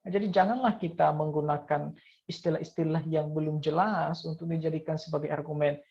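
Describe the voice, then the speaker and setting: A woman's voice: sits low, fairly even intonation, a little fast, mellow. A woman teaching Bible verses in a monologue, reading passages aloud and peppering her talk with "ya" and "nah". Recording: dull lo-fi recording.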